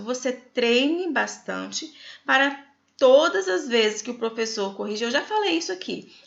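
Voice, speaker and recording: A high-voiced, gravelly middle-aged Brazilian woman gives a chatty lesson, often checking that her listeners follow and stretching words out to show them. She speaks with a Brazilian Portuguese accent. The sound is echoey and a bit dull. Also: fairly bright tone. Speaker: writing teacher. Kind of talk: explanatory video lesson.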